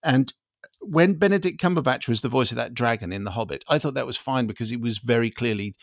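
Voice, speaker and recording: Male co-host, creaky voice. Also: mid-range voice, fast, dry recording, studio quality. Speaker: radio show co-host. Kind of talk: conversational film discussion.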